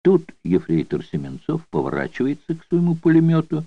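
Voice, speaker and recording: A male audiobook reader voicing an unhurried, slangy convict storyteller who mocks with coarse barracks slang. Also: fairly high pitch, wildly swooping pitch, no echo, pitched above the performer's own voice, heavily acted. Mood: mocking. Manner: coarse barracks slang, mocking yarn-spinning. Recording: dull dry studio recording.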